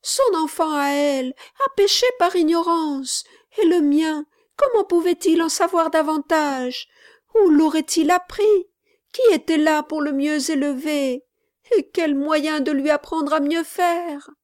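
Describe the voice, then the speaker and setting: A woman's voice: high voice, unhurried, no echo, clean studio sound, voice pushed up. A woman audiobook reader voicing a grieving poor mother who pleads, through tears, for her son's return. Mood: desperate pleading. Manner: desperate, pleading, accusing. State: crying. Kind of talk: audiobook character reading.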